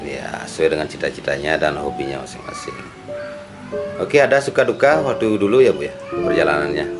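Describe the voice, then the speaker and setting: A man's voice: a bass voice, animated, a little fast. A man interviewing an older woman, affirming her answers and ending his points with tag questions. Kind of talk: casual interview. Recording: clear music playing behind.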